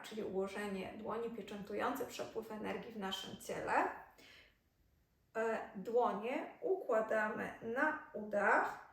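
A woman teaching kundalini yoga, calmly guiding a meditation and chanting mantras. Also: on the high side. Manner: slow, calm, soothing guidance with chanted mantras. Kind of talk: guided meditation instruction. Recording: echoey room, voice a bit far from mic.

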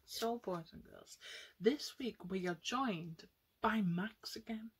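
Indoors in a small room at home, a young woman tells a story to children using paper puppets, speaking slowly at a medium pitch. She addresses the kids directly with questions and exclamations, and there's slight background noise.

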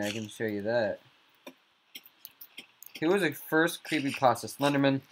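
A man giving casual, jokey gameplay commentary as a YouTuber, with sudden squeaky outbursts. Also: a bit bright, a little hiss or hum. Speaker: gaming YouTuber.

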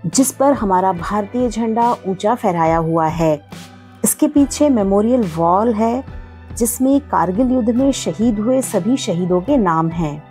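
A woman's voice: medium pitch, darkish tone. A woman narrating a travel vlog voice-over in a formal, reverent tone, often turning to the viewers as friends.

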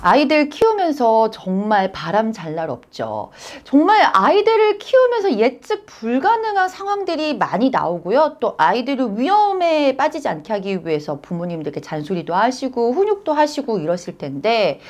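A woman hosts a chatty news channel and tells each story with a lively, swooping voice. She sits a little high in her register and jumps into short exclaimed lines as she acts out what people said. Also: normal speed, hardly any pauses, faint music behind. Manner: animated, acts out quotes with sudden exclamations. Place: lives in Queens, New York.

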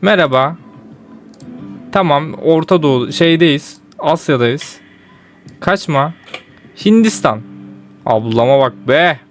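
Young male gaming streamer, slightly high voice, excitable running commentary over faint guitar music. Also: slow, long pauses. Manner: excitable, exasperated outbursts. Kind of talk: casual gameplay commentary.

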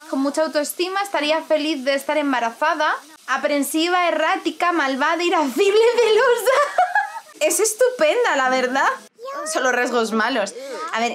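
A young woman with an accent from Spain, giving lively, exclaiming commentary on a life-sim game to her viewers. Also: high-pitched, slight background noise. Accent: Spanish from Spain. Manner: expressive, exclaiming, talks to her audience. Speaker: gaming streamer. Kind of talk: gaming commentary.

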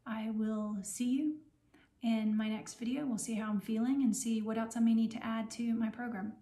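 A middle-aged woman, sore and recovering from surgery, gives gentle, unhurried advice with pauses in a casual instructional home vlog. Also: on the high side, fairly even intonation. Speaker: health vlogger sharing recovery advice. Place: small home room, indoors. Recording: roomy, echoing home recording.

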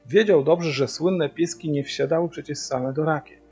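Man, father reading a storybook aloud, steady, mid-pitched, dull hearing-aid audio, faint music. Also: moderate pace. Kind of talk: reading a children's book aloud.

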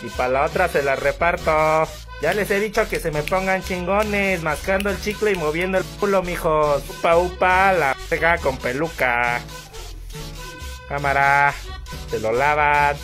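Woman as crude, loud barrio girl, slow and brassy, light music behind. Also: sits low. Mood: brash, rowdy. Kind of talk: comedy sketch.

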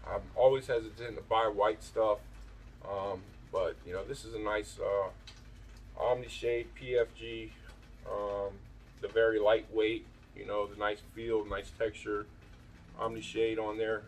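A man's voice: fairly low pitch, flat delivery, unhurried, recorded from a distance. A man chatting casually as he shows his thrift finds, rambling with many fillers and restarts, outdoors on a back porch at night. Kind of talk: casual vlog show-and-tell.

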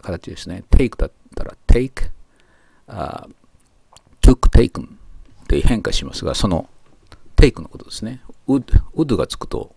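A man teaching English grammar, reading model sentences slowly and carefully with pauses. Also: on the low side, vocal fry, a little mellow, breathy edge, dry recording. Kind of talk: explaining grammar to learners.

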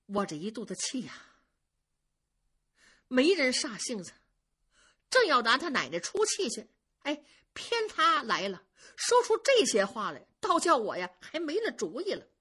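A proud young noble lady with a cold, mocking tongue, as a woman storyteller plays her. Her voice sits high and moves a lot, with a husky grain. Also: huge pitch swings, measured pace, fairly bright tone, heavily acted. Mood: sarcastic.

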